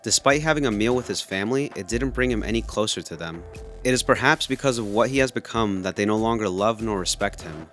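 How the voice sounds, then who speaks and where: A man's voice: on the low side, fairly quick, fairly bright tone. A man reading scripted narration as a video essayist.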